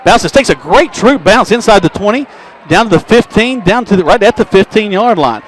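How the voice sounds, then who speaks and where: Brisk male play-by-play radio announcer. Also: high-pitched, lively intonation. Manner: brisk, descriptive calls. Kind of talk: radio football commentary. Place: high school football stadium press box. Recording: crowd noise at stadium.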